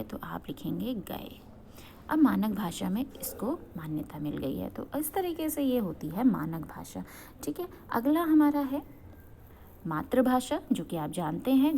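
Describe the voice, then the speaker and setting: A young adult woman from Uttarakhand, India, teaches a grammar lesson, posing questions and answering them herself while often checking that students are following. Her voice is mid-range and dark, with a little hiss or hum in the recording.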